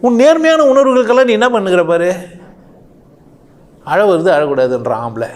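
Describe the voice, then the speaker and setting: A man's voice: high-pitched, moderate pace. A man delivering an impassioned monologue, firing off rhetorical questions and swinging his voice up and down sharply. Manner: animated, rhetorical questions, rising and falling sharply. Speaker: speaker.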